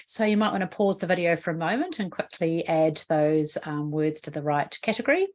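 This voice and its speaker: Kiwi lady teacher, lowish voice, patient explaining, video lesson, lots of "what do you notice?". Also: brisk, a little mellow. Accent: New Zealand. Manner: patient, explanatory, asks the viewer questions. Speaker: literacy educator.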